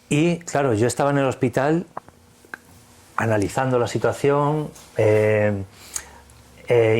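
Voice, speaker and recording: Man, low-pitched, rapid delivery, retells conversations with animation; interview guest. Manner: animated, acts out dialogue in retelling. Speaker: guest telling his story. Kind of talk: casual storytelling interview.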